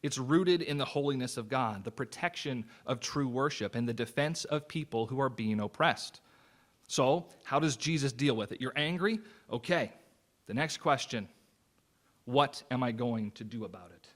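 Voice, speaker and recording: A man's voice: mid-range voice, expressive, normal speed. Earnest male pastor preaching. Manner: earnest, conversational preaching with personal anecdotes. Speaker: associate pastor. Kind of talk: sermon.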